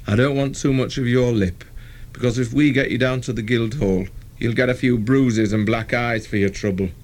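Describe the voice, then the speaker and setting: A man voicing a bullying middle-aged police detective, slow, hard and threatening. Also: mid-range voice, steady tone, close to an everyday voice. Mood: menacing.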